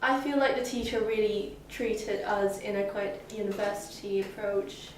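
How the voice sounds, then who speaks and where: Filling her answers with hesitant pauses, a Hong Kong teen of seventeen attending summer school responds to an interviewer in a medium-pitched voice at normal speed. The mic sits far away in an echoey room, picking up faint noise.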